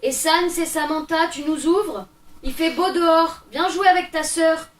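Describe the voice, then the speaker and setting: A woman's voice: extremely high pitch, a little slow. A woman reading the part of a sarcastic, impatient thirteen-year-old girl babysitting younger kids in a stage play reading. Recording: roomy, distant mic, faint noise.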